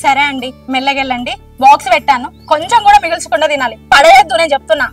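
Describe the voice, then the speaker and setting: A woman's voice: high voice, very fast, close to an everyday voice. A woman acting a suspicious, touchy young wife in a short film, accusing and tearful. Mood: tender. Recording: distant mic, loud music underneath.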